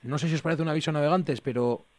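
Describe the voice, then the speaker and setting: A man's voice: a little high, very fast, darkish tone, no room sound. A man hosting a radio panel, reading newspaper headlines and steering the discussion. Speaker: radio host.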